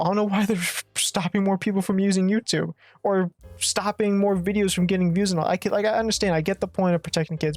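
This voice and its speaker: A faceless gaming YouTuber, a young adult, speaks at medium pitch with a slightly raspy voice. They ramble through a casual, profane rant, often correcting themselves mid-sentence.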